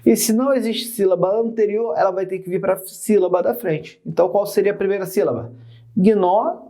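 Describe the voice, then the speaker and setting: A young Brazilian man with a playful, chatty manner, teaching a lively Portuguese grammar video lesson and calling the viewer "son.". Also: high-pitched, fairly quick.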